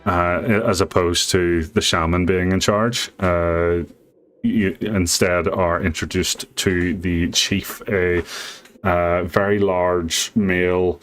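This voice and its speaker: Low, slow-talking male game master. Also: little pitch movement, fairly bright tone, soft background music. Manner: halting, improvising. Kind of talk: narrating a live tabletop fantasy game.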